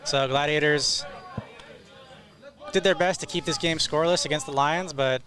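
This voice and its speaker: A man's voice: on the high side, fairly even intonation, normal speed, sharp tone. A man giving live play-by-play commentary as a baseball announcer.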